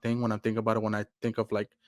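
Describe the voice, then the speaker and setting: A man's voice: on the low side, monotone, very fast, no echo, studio quality. A young man from Mexico, co-hosting a podcast in a loose, rambling casual chat full of fillers. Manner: laid-back, rambling with many fillers. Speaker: podcast co-host.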